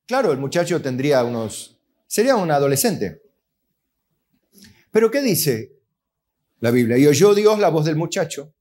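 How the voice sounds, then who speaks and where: A man's voice: fairly high pitch, sing-song, measured pace, pauses often, darkish tone. A man with an Argentine Spanish accent, a pastor preaching a sermon, asking the congregation questions and answering them himself, and acting out voices of God and of complaining believers.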